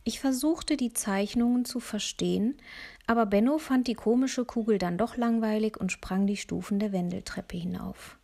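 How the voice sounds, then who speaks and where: A woman narrating a children's audiobook in the first person, lively, with soft breathy asides. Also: medium pitch, moderate pace.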